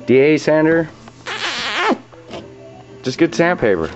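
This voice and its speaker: A DIY auto body repair demonstrator talks slowly in a fairly high, sing-song voice, giving a plain-spoken, slangy, hands-on tutorial. The audio is dull and lo-fi, with radio music playing behind him.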